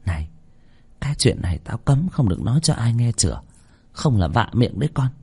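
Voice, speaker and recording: A man voicing an older female cook who scolds in quick bursts, in a read-aloud story. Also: mid-range voice, very animated, creaky, dark tone, husky, exaggerated voice. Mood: warning. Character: older woman cook, sharp-tongued, scolding.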